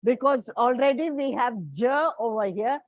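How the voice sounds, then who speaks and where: Woman, teacher, high voice, deliberate classroom lecture, repeats sounds. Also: dry recording, low-quality recording. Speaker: English teacher.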